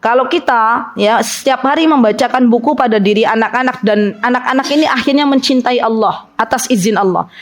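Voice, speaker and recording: A woman preacher giving a sermon to a women's study group, acting out parents and children in her stories. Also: high voice. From Indonesia. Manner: lively, acts out parents and children in quoted lines. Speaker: Islamic preacher.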